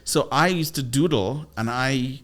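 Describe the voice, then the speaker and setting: A man with a Trinidadian accent from Trinidad and Tobago, a guest entrepreneur and business coach telling playful, animated stories in a casual interview. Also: medium pitch, measured pace. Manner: animated, playful, with lively voiced asides.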